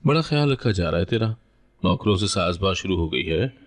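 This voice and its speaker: A man's voice: low-pitched, expressive, a little fast. A man voicing a harsh, scheming older mother-in-law who taunts and scolds. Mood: scornful.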